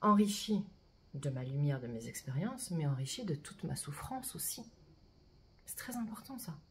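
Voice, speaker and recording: A woman giving a chatty spiritual oracle card reading to her viewers, often tagging her sentences with "hein" and reading mantras slowly and softly. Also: sits low, animated, slight background noise.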